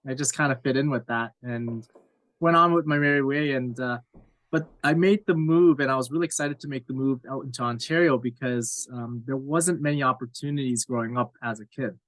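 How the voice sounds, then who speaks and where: A man's voice: mid-range voice, fairly quick, a bit bright, no room sound, low-quality recording. A man in his thirties from Cape Breton Island, telling his story as a podcast guest in a candid, rambling, self-deprecating way with plenty of fillers. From Cape Breton Island, Nova Scotia, Canada. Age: 30s. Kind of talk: casual interview chat.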